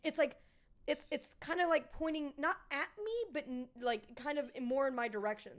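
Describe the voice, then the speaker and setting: A woman's voice: high-pitched, fairly even intonation, moderate pace. A woman streamer chatting casually with her live viewers, rambling and swearing freely.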